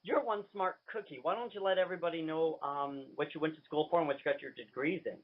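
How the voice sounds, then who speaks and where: A man's voice: fairly high pitch, fast. Gushing man host over the phone. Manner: gushing, flamboyant, enthusiastic. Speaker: radio host and drag queen. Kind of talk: radio interview. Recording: tinny phone line.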